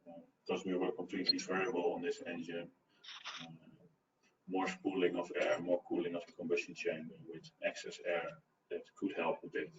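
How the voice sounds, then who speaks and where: Low-voiced man on a distant, echoey call. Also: monotone, moderate pace, background noise. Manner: thinks aloud, searching for words. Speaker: presenter answering audience questions. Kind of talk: technical Q&A on an online talk. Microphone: video call. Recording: roomy, distant, muffled call audio.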